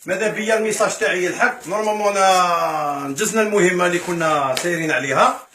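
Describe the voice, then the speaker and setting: Filming a charity visit, a man with an Algerian Arabic accent talks eagerly to the camera in a quick, high-pitched voice. He thanks the donors and narrates what he's showing as he goes, in an echoey room with faint noise.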